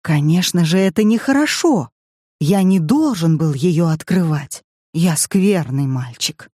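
A man's voice: high voice, lively intonation, moderate pace, darkish tone, dry recording, pitched above the performer's own voice. A sarcastic, tipsy man needles his family with spiteful jokes, as an audiobook reader puts him on. His voice sits above the narrator's and is dry and close, with no room around it. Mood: sly. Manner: mocking, bitter jabs. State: drunk. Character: drunk middle-aged man, sarcastic and spiteful host.

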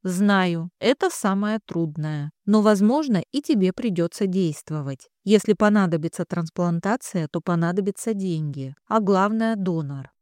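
A woman voicing an experienced woman doctor who speaks quietly and steadily, measured and reassuring. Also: lowish voice, animated, no echo, studio quality, natural voice. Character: calm, guilt-ridden experienced woman doctor.

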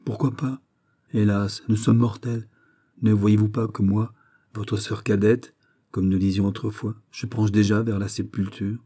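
Brief: male reader voicing a wary, grieving queen in an audiobook, low husky tone. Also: flat delivery, unhurried, mellow. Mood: sorrowful.

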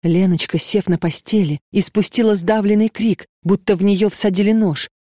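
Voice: mid-range voice, fairly even intonation, moderate pace, dark tone, no echo, studio quality. A narrator reading a tense story as an audiobook.

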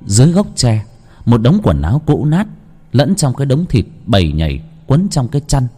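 A man narrating a ghost story in a dramatic, lively storytelling manner. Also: mid-range voice, normal speed, slightly rough, soft background music.

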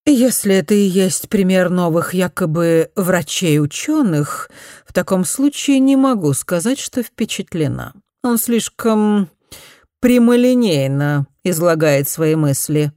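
A woman reading an audiobook, voicing a stern, prim aristocratic mother who speaks slowly and disapprovingly. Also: on the low side, lively intonation, mellow, no echo, studio quality.

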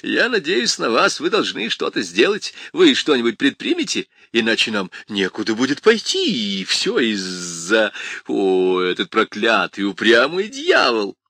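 A man's voice: mid-range voice, wildly swooping pitch, unhurried, pushed and bright, breathy edge, no echo, exaggerated voice. A man voices a fussy, agitated man who complains in an exasperated, whiny way.

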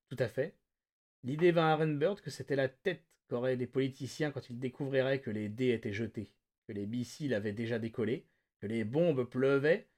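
A man hosting a podcast, reading a novel aloud with lively, dramatic narration. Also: medium pitch. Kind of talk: expressive read-aloud narration.

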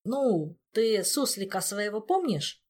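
A woman's voice: on the high side, big pitch swings, moderate pace, pitched above the performer's own voice. Woman doing a hesitant young man. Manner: unsure, pleading.

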